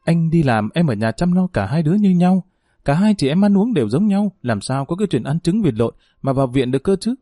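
A man's voice: medium pitch, animated, a little fast, dark tone, slightly rough, dry recording, clean studio sound. A man voicing a scheming young stepmother who pleads and defends herself in a spoken family drama. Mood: defensive, pleading.

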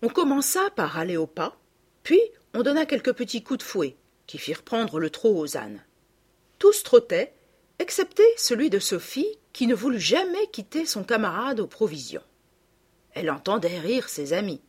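A woman reading a classic children's story aloud with expressive, animated narration. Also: medium pitch, moderate pace, slightly rough. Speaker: audiobook reader.

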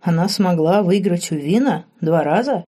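Woman voicing sardonic male lord, curt, low mellow tone, audiobook. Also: lively intonation, moderate pace, breathy edge. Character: cold powerful grand master, man in his thirties.

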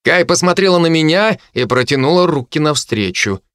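A man narrating a fantasy audiobook in an expressive, dramatic reading. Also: a little high, moderate pace, smooth, dry recording, studio quality. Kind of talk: scripted narration.

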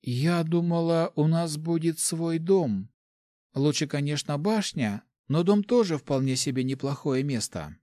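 A man voicing a soft-spoken young woman dreaming about the future. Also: on the high side, lively intonation, measured pace, no room sound, studio quality, voice pushed up. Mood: wistful.

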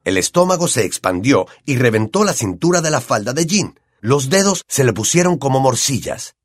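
A man with a Latin American Spanish accent narrating an audiobook in an expressive storytelling manner. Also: medium pitch, normal speed, no echo, studio quality. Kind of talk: scripted narration.

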